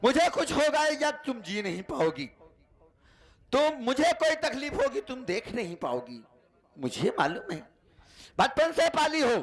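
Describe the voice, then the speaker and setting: A man's voice: very high voice, sing-song, measured pace, heavily acted. A man playing a betrayed, vengeful husband in a folk stage play, declaiming to the audience. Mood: consoling.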